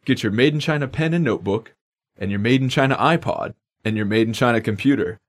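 A man's voice: mid-range voice, quick pace. A man co-hosting a language lesson podcast in upbeat, jokey scripted banter.

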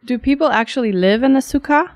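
Her voice is high-pitched and fast as she co-hosts a scripted educational podcast. In this dialogue, she asks friendly, curious questions and chips in with notes of her own.

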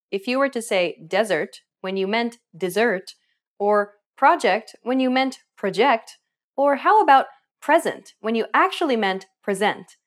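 A woman hosting a pronunciation course, narrating a scripted lesson in a clear, explanatory teacher's manner. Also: on the high side. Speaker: language course host.

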